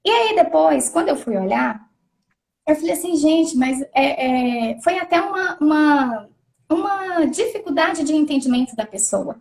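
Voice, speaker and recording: A woman's voice: high voice, expressive, moderate pace, vocal fry. A woman educator explaining reading methods in a thoughtful conversational way, often restarting and repeating words. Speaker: literacy educator.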